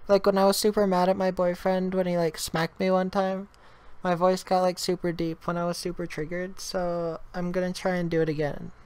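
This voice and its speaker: A man's voice: high voice, flat delivery, moderate pace, few pauses, darkish tone, clean tone, pitched above the performer's own voice, natural voice. A man faking a chatty valley girl. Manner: filler-heavy, rambling, lots of "like". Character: chatty young woman, valley-girl talk. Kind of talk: prank video chat.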